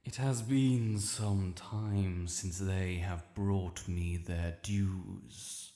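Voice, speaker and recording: A British man voices an ancient, imperious male dragon lord in a fantasy audio roleplay, a proud creature quick to righteous anger. His low, gravelly voice is also mellow, with fairly even intonation, and he sounds stern and condescending, speaking formally, commandingly, and haughtily with deliberate archaic phrasing. Cavernous reverb and a long echo fill the recording.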